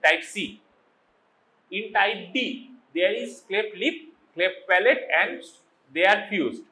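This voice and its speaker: A man with a Bengali accent lectures medical students, moving between English and Bengali and calling on the class with quick informal questions. His voice sits high and bright, and his pace is slow and deliberate. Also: low-quality recording.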